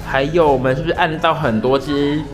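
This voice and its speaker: A man's voice: fairly high pitch, steady tone, fairly quick. A man with a Taiwanese Mandarin accent, co-hosting a food vlog in a chatty way and laughing often. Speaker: travel vlog co-host. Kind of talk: casual food vlog chat. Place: small seafood buffet restaurant, indoors. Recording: loud background music.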